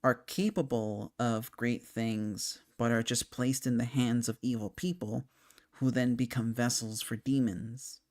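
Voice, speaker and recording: A man's voice: medium pitch, steady tone, a little slow, darkish tone. A young man talking casually about a video game, rambling and thinking aloud with many fillers and restarts, hiccuping now and then. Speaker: game commentator. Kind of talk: casual spoken game discussion.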